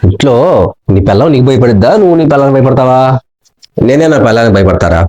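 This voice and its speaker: Fast, lively comic man bantering. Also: medium pitch, background noise. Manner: teasing, quick punchline replies. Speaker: comedian. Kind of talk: comic question-and-answer banter.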